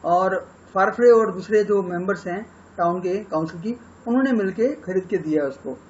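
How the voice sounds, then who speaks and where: A high-pitched, somewhat mellow-voiced man with an Indian accent lectures on English literature, going over a novel chapter by chapter. He blends Hindi with English and pauses on fillers, captured in lo-fi sound with a little hiss or hum.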